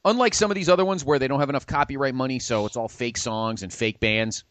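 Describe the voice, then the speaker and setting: A man's voice: medium pitch, quick pace. A man hosting a casual pop culture podcast, talking with enthusiasm and plugging comics and TV shows. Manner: animated, enthusiastic, plugs shows. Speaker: podcast host.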